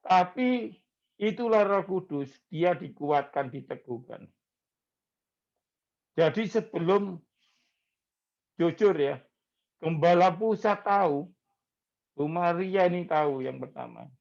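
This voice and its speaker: A male pastor, preaching in a slow, conversational way and mixing in words. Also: high-pitched, animated, vocal fry, a little mellow, dull audio. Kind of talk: sermon.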